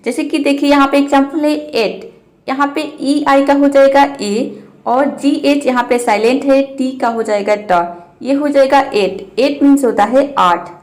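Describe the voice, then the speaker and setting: A woman with a high voice teaches pronunciation as a patient lesson. She spells out letters, then says each example word slowly, often twice, before explaining its meaning. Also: steady tone, a little mellow. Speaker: English teacher. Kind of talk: Hindi-language pronunciation lesson.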